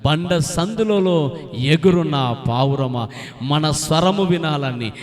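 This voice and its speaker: A man preaches in a fairly high voice. He calls on his congregation to answer him aloud. His volume swings from ringing shouts to low, hurried asides. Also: lively intonation. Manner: call-and-response, urging the crowd to answer loudly. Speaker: pastor. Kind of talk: sermon.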